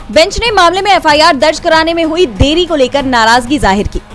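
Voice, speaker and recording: A woman's voice: a little high, fairly bright tone. A woman reads a scripted news report as a voice-over reporter. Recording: music bed behind the voice. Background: news music.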